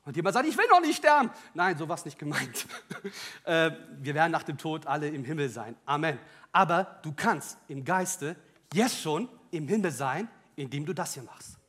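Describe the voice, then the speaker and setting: A man with a high-pitched voice preaches to his congregation. He drives his points home with loud, rising emphasis. He then drops into quiet, wry personal asides and jokes. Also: moderate pace. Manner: personal and joking. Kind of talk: sermon.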